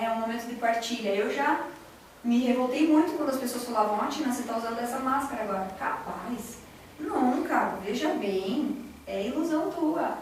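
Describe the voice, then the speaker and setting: A woman's voice: high-pitched, a little hiss or hum. A woman giving an earnest spiritual lecture at a spiritist center, telling personal stories and speaking directly to her audience. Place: large echoey hall, recorded from afar. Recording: very echoey distant hall recording.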